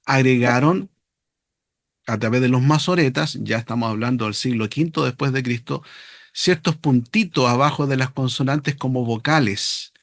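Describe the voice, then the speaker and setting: Man, seminary teacher, unscripted lecture, halting with fillers, mid pitch, dry sound. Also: no room sound. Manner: unscripted, many fillers and repeated words. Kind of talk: lecture on biblical Hebrew.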